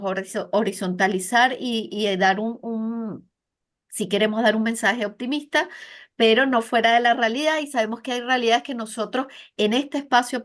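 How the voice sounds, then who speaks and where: A woman's voice: on the high side, a bit bright. A woman interview guest and project director who talks thoughtfully, often repeating words while she searches for them. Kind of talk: interview conversation.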